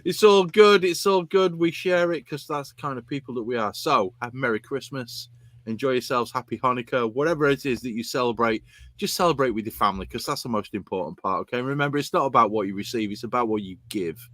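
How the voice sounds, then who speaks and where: A man's voice: medium pitch, fast talker, fairly bright tone, dry recording. Rowdy sweary man hosting a beer podcast. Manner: boisterous, rambling, sweary. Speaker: podcast host. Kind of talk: casual chat, sweary sign-off.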